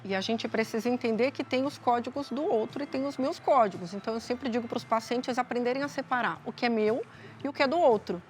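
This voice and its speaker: A woman with a Brazilian accent, a psychologist guest explaining calmly on a talk show, often adding tag questions. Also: a little high, brisk, a little hiss or hum. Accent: Brazilian Portuguese.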